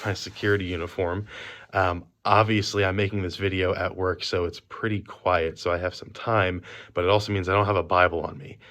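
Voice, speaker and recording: A man leading a youth group with an informal devotional talk, speaking from memory in a conversational way, recorded on a phone in a quiet workplace. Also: low-pitched.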